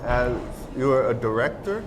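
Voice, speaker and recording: Homme animateur d'interview, ton enjoué et réactions rapides, bruit de fond marqué. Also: male voice, mid-range voice, lively intonation. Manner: upbeat, with quick reactions. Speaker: host and interviewer. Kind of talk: casual street interview. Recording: clear background noise.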